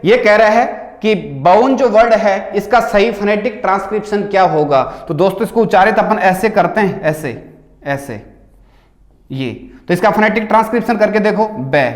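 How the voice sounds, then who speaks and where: Guy teaching, high voice, keeps asking and answering his own questions, roomy echo. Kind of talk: exam paper solution lecture.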